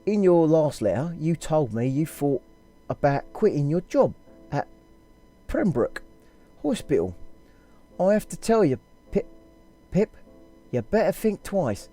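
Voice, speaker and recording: Man putting on a blunt working-class woman, crude letter reader, put-on accent, stumbling words, mellow tone, music behind. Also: a little high, very animated. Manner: reading aloud haltingly with a put-on accent.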